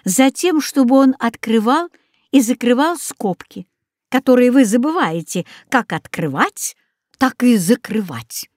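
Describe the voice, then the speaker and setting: A woman's voice: fairly high pitch, animated, unhurried, a little mellow, no room sound, pitched above the performer's own voice. A woman voicing a stern, sarcastic male math teacher in an audiobook story, with dry, ironic formal address.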